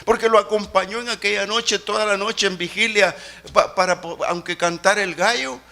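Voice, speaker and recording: A man preaching from the pulpit in a high, gravelly voice. His tone is bright and sharp, and he jumps from forceful outbursts down to hushed murmurs as he pastors his church. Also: steady tone, moderate pace. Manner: preaching with sudden swings between loud outbursts and low murmurs. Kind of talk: sermon.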